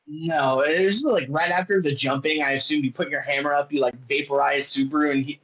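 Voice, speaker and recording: A man's voice: a little high, fairly even intonation, brisk, a bit bright, rough recording. A man playing a tabletop game, casually role-playing and narrating the action. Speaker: player in an online tabletop battle.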